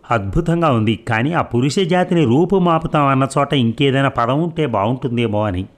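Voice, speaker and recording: A man's voice: mid-range voice, expressive, a little fast, pitched above the performer's own voice, close to an everyday voice. A man voicing an eager, boastful young male assistant in a novel reading.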